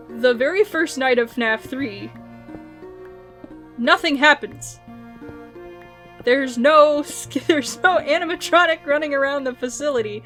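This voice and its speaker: A woman's voice: high voice, fairly bright tone. A young woman chatting casually while playing a game, giggling often and rambling with restarts. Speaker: gaming video creator. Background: faint game music.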